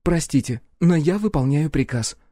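A man's voice: fairly high pitch, animated, normal speed, mellow, no room sound, clean studio sound, voice pushed up, lightly acted. Man voicing a cool, wry young woman. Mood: wry, calm. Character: young woman, ex-sport shooter, cool, teasing.

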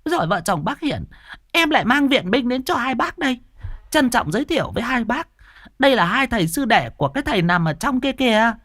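A man voicing a loud, fawning middle-aged village woman who chatters in a shrill tone. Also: big pitch swings, a little fast, no room sound, clean studio sound, full character voice. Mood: chattering.

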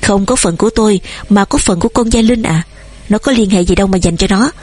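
Woman voicing nasty grown son, snapping threats fast, breathy husky tone. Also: medium pitch, a little mellow, lightly acted. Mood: harsh. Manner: harsh, rapid, threatening. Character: cold, bullying grown son, a gambler.

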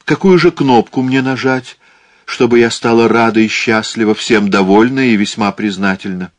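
A man's voice: mid-range voice, normal speed, no room sound, voice pushed up, close to an everyday voice. A man reading aloud voices a fed-up, scornful middle-aged wife. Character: exasperated middle-aged wife leaving her husband.

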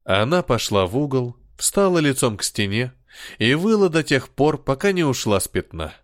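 A male narrator reads a novel aloud with lively, expressive intonation that rises and falls. His voice is mid-pitched and sits dry and close to the mic, with no room sound. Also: normal speed, dry recording. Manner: expressive, varied storytelling. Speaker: audiobook narrator. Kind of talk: scripted narration.

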